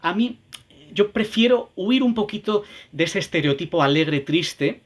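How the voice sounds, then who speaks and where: A man's voice: sits high, animated, unhurried. A man teaching music educators in an online session, thinking aloud with many tag questions and repeated words, and chanting rhythm syllables to show the beat. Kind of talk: online teacher-training talk. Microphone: video call.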